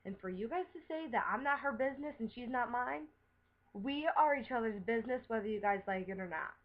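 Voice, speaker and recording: A woman's voice: on the high side, lively intonation, a little fast, lo-fi sound. A woman delivering an upset, defensive rant to her viewers, swearing as she talks. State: upset, recently crying. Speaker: vlogger. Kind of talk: emotional webcam rant.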